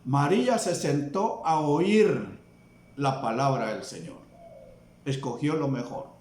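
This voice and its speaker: A man with a Salvadoran Spanish accent preaching a sermon, slow and emphatic, asking the congregation questions. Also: medium pitch, a little mellow. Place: church hall. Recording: echoey church room.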